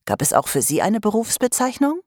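A woman reading a novel aloud as audiobook narrator, expressive and measured. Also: mid-range voice, no room sound, studio quality. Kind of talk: scripted narration.

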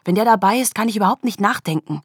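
A woman reading an audiobook, voicing a sharp-tongued female detective who speaks in a cheeky, impatient way. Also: medium pitch, fast, breathy edge, no echo, clean studio sound, voice pushed up, lightly acted.

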